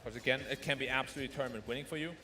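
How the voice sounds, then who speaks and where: A man's voice: mid-range voice, rapid-fire, very noisy. A man co-casting a live esports match, giving conversational analysis of the play. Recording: clear music behind the voice. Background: music.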